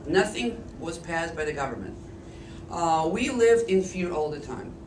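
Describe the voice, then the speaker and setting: A Polish woman in her fifties tells her life story in an oral history interview, her lowish voice hoarse and deepened by illness yet animated and a little mellow. She speaks slowly and deliberately with a Polish accent, often restarting her sentences. A Flip camcorder catches her from a distance in an echoey room, with some faint hiss or hum.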